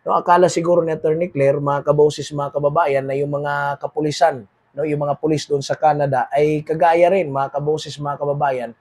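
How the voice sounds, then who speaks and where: A man's voice: a little high, flat delivery, moderate pace. Filipino man hosting political commentary. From Philippines. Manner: switches between read English and Tagalog, repeats "mga kaboses, mga kababayan"; trails off quieter at phrase ends.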